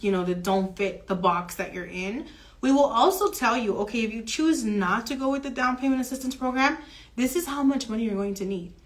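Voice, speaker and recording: With a mid-range voice, a female mortgage broker walks through home financing choices, keeping the advisory conversation earnest and steady.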